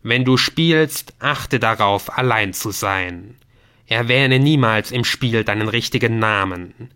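A man voicing a mysterious computer game that speaks in slow, loud, solemn pronouncements. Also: fairly low pitch, clear, resonant tone. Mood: solemn commanding.

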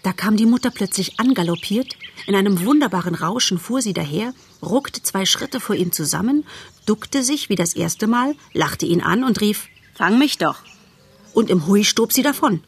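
A woman narrating a children's novel in a lively, expressive storytelling manner. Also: mid-range voice, normal speed, slight background noise. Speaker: audiobook narrator.

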